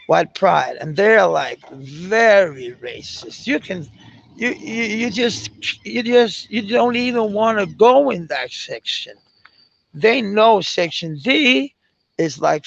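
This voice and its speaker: A Danish man with a gravelly, raised voice rambles through a casual livestream chat, drawling his words slowly. He swears freely and laughs often, and the recording sounds dull and lo-fi. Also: a little high, no room sound. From Denmark.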